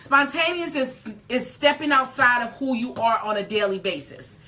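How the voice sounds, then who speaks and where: A woman's voice: fairly high pitch, lively intonation, moderate pace, pushed and bright. A woman in her late forties hosting a casual live chat, emphatic and folksy, repeating words for stress. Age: 40s. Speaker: host.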